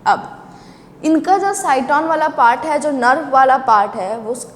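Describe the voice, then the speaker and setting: Her high voice carries a long reverb tail as she teaches a classroom biology lecture in a blend of Hindi and English. Working step by step, she asks the students questions and stretches out key words, then rushes ahead in quick bursts.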